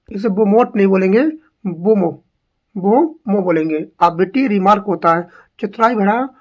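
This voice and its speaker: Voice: medium pitch, dull audio. Exam-prep English teacher; repeats every term and poses rhetorical questions. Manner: drills each word by repeating it, asks rhetorical questions.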